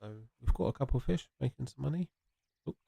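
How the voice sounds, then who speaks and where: Chatting casually while he plays, a young English gaming streamer rambles on and answers his audience. His congested, sniffly voice is mid-range and fast, with vocal fry, a mellow quality and a breathy edge, and there's no room sound.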